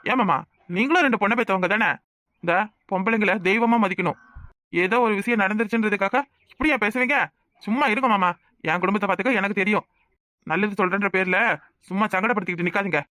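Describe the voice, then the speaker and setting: A man's voice: high voice, fast talker, sharp tone, no room sound, studio quality. A man voicing an irritable young village man in a cartoon, speaking curtly with a Kanyakumari Tamil accent. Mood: defensive. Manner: curt, exasperated, scolding. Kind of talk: cartoon voice acting.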